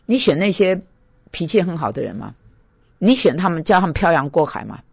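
A man's voice: on the high side, big pitch swings, brisk, gravelly, slightly rough, dry recording. A man from Taiwan, a pastor giving an emotional devotional talk, stammering and plaintive.

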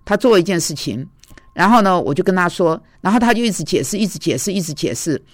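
A woman's voice: lowish voice, expressive, fast, dry recording. A woman preacher giving a conversational, storytelling sermon, recounting arguments and dialogues from her own life.

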